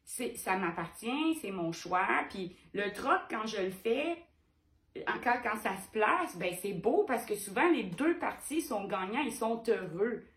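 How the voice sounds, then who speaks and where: A woman's voice: medium pitch, expressive, a little slow, a bit bright, reverberant. A woman painter with a Québécois French accent, talking frankly and animatedly to her viewers, firing rhetorical questions. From Quebec. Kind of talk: direct-to-camera vlog.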